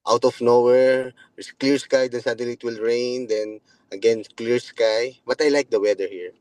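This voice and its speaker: A man's voice: mid-range voice, fairly even intonation, moderate pace, darkish tone, dry recording, rough recording. A middle-aged man with a Filipino accent, talking loosely as an interview guest, with many restarts. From Philippines. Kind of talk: casual interview.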